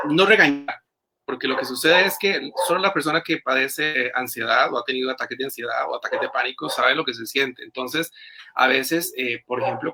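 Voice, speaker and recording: Background noise accompanies a man's mid-range voice. He is a clinical psychologist explaining things during a video-call interview, his answers dotted with fillers and restarts.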